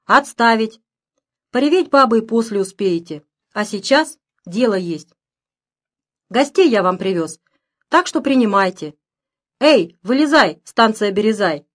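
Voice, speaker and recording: A woman reading an audiobook, voicing a cheerful young male truck driver with a brisk, joking commanding manner. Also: a little high, lively intonation.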